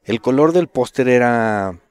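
A middle-aged man with a Mexican accent, casually telling stories as an interview guest, full of slang and swearing, animated when he quotes others. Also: medium pitch, measured pace, clean tone, no echo. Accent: Mexican Spanish.

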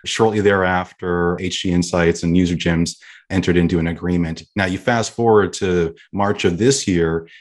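A man hosting a sales podcast, introducing his guest in an upbeat, enthusiastic way. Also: sits low. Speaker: podcast host.

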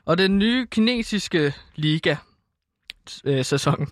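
A man's voice: high voice, animated, no echo, studio quality. Hesitant Danish-speaking man talking football. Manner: hesitant, many ums. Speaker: football pundit. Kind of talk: casual radio banter.

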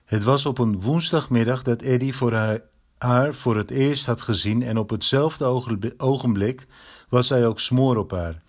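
Guy reading a kids' story, steady and even, middle-pitched voice. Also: normal speed. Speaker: narrator.

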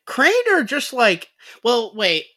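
A woman's voice: on the high side, very animated, slow, a bit bright. A woman co-hosting a casual comedy podcast, rambling with lots of "like" and frequent laughter. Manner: rambling, filler-heavy, laughs often. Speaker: podcast co-host.

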